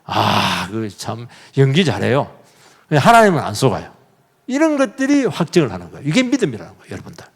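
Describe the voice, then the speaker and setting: A man's voice: medium pitch, brisk, vocal fry, slightly rough. A male pastor preaching a sermon in a church, telling the story vividly and putting questions straight to his congregation. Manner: lively, questions the congregation directly; animated storytelling with sudden emphatic bursts. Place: church sanctuary. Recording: long reverb of a church hall.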